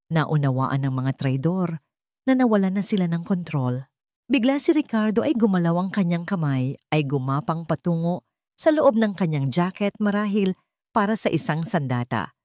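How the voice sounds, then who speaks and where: A woman with a Filipino accent narrates a scripted dramatic story for audio. Her voice sits low and a little mellow, recorded in studio quality with no room sound.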